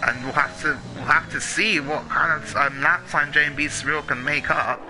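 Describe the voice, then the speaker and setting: A man's voice: on the high side, fairly even intonation, normal speed, music in the background. A man working as a motorsport commentator, calling a sim race live, play-by-play. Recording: clearly noisy, engine sound behind the voice. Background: racing car engines from the game.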